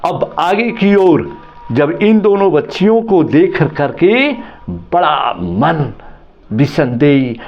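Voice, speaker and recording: A man's voice: medium pitch, dull audio. A man who, as a teacher, retells a story for a lesson in a dramatic, repetitive way.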